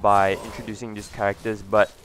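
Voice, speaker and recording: A man's voice: fairly low pitch, flat delivery, a little fast, a bit bright. A man hosting a casual gaming video, chatting loosely with lots of fillers and restarts. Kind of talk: casual gameplay commentary.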